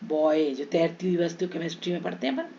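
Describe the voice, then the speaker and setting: A woman's voice: on the low side, lively intonation, fast talker, creaky, dark tone, slight background noise. A woman with an Indian accent teaching English pronunciation, repeating each word and addressing her students as children. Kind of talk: pronunciation lesson. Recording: muffled lo-fi recording.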